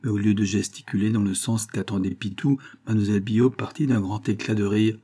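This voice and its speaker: A man reading a classic novel aloud in measured, scripted narration. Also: lowish voice, fairly even intonation, dark tone, husky. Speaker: audiobook reader.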